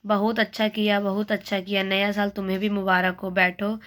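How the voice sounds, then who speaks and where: A woman teacher reading the lines of a weary, poor middle-aged male clerk, slowly and flatly. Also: mid-range voice, lightly acted. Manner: slow, flat reading of dialogue.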